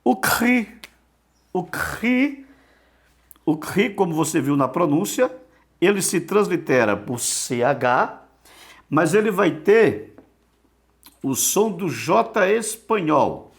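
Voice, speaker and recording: A man teaching an online lesson, asking himself questions and answering them, repeating words slowly so they can be drilled. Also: on the high side, animated.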